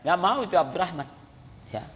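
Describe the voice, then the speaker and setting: A male preacher delivers a storytelling sermon and acts out the voices of his characters. His voice sits fairly high for a man. It rings with the long reverb of a mosque hall. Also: brisk, fairly bright tone. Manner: storytelling, acts out quoted voices, addresses listeners as Pak.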